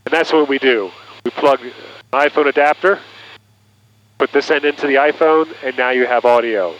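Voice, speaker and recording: A man's voice: mid-range voice, moderate pace, a bit bright. A man presenting a product demonstration in an instructional way, sounding like a pilot talking over a headset intercom. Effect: aviation headset intercom sound. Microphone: aviation headset through intercom cable. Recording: muffled cockpit intercom audio with noise.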